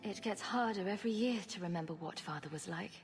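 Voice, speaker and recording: A woman's voice: mid-range voice, fast talker, faint music behind, natural voice. An actress voicing a young woman rogue hero who speaks plainly and directly. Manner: plain, questioning.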